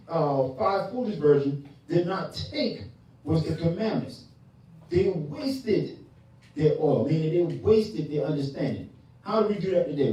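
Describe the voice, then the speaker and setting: A man teaching scripture in a call-and-response style, pressing the class with questions and repeating key words. His voice is mellow and somewhat high, and it sounds distant in a very echoey hall. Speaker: teacher leading Bible class. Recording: echoey room from far off.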